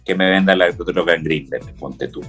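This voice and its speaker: A man's voice: sits low, normal speed, a bit bright, breathy edge, faint music behind. A man with a Chilean accent chatting casually, rambling and joking in a campy way. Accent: Chilean Spanish. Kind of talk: casual chat.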